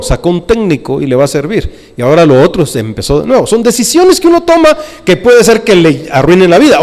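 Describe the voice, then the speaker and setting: A man's voice: fairly high pitch, a little mellow. A middle-aged man preaching a sermon in church, asking the congregation to respond and acting out quoted voices. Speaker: pastor. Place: church sanctuary. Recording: long hall reverb.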